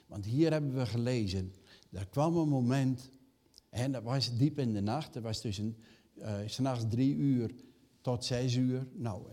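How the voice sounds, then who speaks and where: A man's voice: medium pitch, warm tone. Older man preaching emphatically. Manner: rising emphatic acted quotes; rhetorical questions to the congregation. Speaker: pastor. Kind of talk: sermon.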